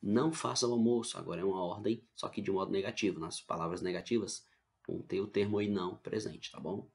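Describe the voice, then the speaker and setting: Brazilian guy teaching grammar online, lowish gravelly voice, keeps asking "right?". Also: steady tone, quick pace, a little mellow. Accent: Brazilian Portuguese. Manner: explaining patiently, checking in with "tá bom?" and "né?".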